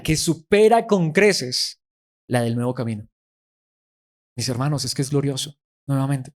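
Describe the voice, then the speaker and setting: A man's voice: on the high side, a little mellow. A man preaching a sermon emphatically, asking his listeners rhetorical questions and repeating words for stress.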